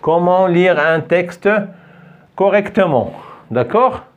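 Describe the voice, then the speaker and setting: Slow, lively-voiced male teacher. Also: high-pitched, narrow, tinny audio. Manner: patient, repeats phrases slowly for students to echo. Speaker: French teacher. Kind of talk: classroom lesson with call-and-response drilling. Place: classroom.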